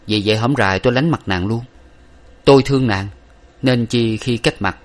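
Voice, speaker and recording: A man's voice: mid-range voice, moderate pace, natural voice. A man voicing an earnest young man who reassures his beloved, in an audiobook of an old novel. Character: earnest young man, lover bound for study abroad.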